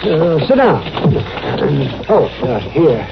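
An actor playing a fussy, flustered older frontier town doctor with hesitant, stammering delivery in 1950s radio western style. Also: male voice, on the high side, wildly swooping pitch, takes it slowly, full character voice. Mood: subdued, hesitant. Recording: muffled, hissy old radio recording.

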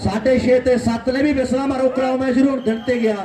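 A man's voice: extremely high pitch, level tone, fast talker, warm tone. A man makes polite live announcements at a sports event. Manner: polite, thanking and requesting. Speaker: tournament announcer and organiser. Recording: echoey outdoor PA, distant mic.

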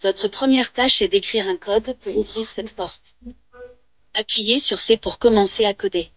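A woman voicing a helpful robot assistant that guides players, reading calm instructions as game voice-over. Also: medium pitch, unhurried, no room sound. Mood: instructive.

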